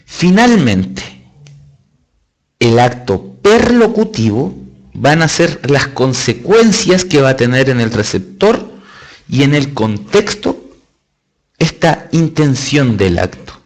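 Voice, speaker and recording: His medium-pitched voice is very animated and slow. He is a Chilean Spanish–accented test-prep teacher leading a live online class, breaking things down step by step with emphatic stresses and conversational asides.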